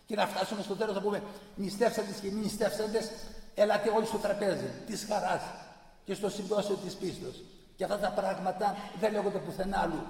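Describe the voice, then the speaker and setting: Male lecturer, gravelly and fervent, emphatic repetition; distant mic in a roomy hall. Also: high voice, a little mellow. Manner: fervent, emphatic, piles up repeated phrases. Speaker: speaker giving a talk on church tradition. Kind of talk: impassioned public lecture. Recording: echoey hall from far off.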